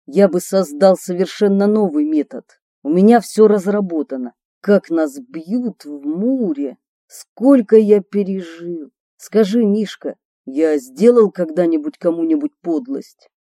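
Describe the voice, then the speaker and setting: A woman reading a boastful but tender male gang leader in slow, earnest, confiding tones. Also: on the low side, animated, warm tone, no echo, studio quality.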